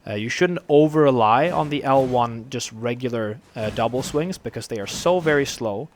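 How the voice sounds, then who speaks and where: Man, gravelly dry throat, rambling game commentary, medium pitch, faint hiss. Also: moderate pace. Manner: rambling, relaxed, many fillers. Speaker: gameplay commentator.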